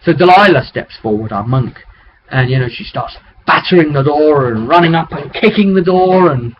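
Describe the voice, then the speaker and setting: A man with a fairly high, expressive voice speaks at a moderate pace as a game master, recapping a tabletop roleplay session in a rambling, conversational storytelling style. He uses a webcam microphone, so the audio is dull with background noise.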